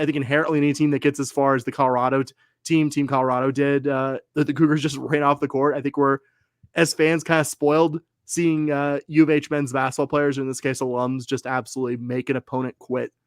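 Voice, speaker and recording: A man's voice: medium pitch, no room sound. Casting note: male podcast co-host, casual rambling delivery, dry close sound. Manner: rambling, frequent fillers and self-corrections. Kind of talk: casual sports podcast chat.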